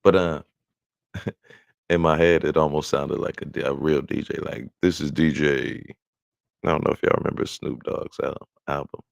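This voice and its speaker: A man's voice: a bass voice, steady tone, moderate pace, gravelly, no room sound. A middle-aged man talking casually on his own live stream, rambling and interrupting himself with laughs as he sets up his sound.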